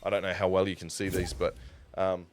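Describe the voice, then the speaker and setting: On a live stream, a New Zealand man in his forties tells stories in a loose, conversational ramble, correcting himself as he goes. His deep voice moves little in pitch and runs fairly quick, with a slight hiss or hum in the audio.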